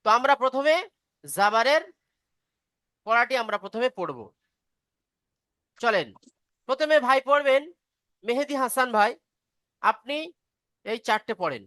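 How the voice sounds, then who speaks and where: Woman, bright voice, fairly high, patient step-by-step teacher, dry close sound. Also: lively intonation, unhurried, pauses often, no room sound. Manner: patient, explains step by step and checks understanding. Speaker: Quran reading teacher. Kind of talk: online class instruction.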